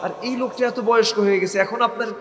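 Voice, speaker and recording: Male Islamic preacher, northern Bangladeshi accent, fervent crowd-rousing delivery, ringing loudspeaker echo. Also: extremely high pitch, steady tone, quick pace. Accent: northern Bangladeshi (Bogura). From Bogura district, Bangladesh. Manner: impassioned, swinging from soft to shouted, teasing the crowd. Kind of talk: waz sermon with crowd call-and-response. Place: religious gathering to a live crowd. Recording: echoey loudspeaker sound with long reverb.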